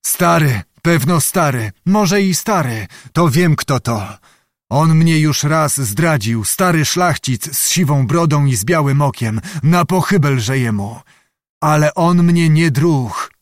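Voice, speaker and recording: A man's voice: a little high, lively intonation, slow, no room sound, studio quality. A man voicing a proud, restless young Cossack chieftain with grim, restrained speech in an audiobook. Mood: brooding. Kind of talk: audiobook reading.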